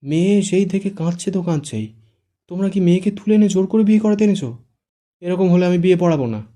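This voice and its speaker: A man voicing a flustered older male marriage registrar who scolds slowly, then placates nervously. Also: a little high, fairly even intonation, mellow, voice pushed up, lightly acted. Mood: scolding.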